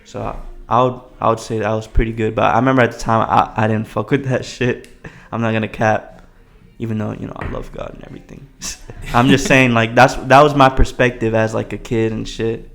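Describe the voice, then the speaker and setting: Young man with a gravelly, creaky voice. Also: on the low side, flat delivery, a little fast, fairly bright tone. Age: young adult. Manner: heavy slang and swearing. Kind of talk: casual podcast chat.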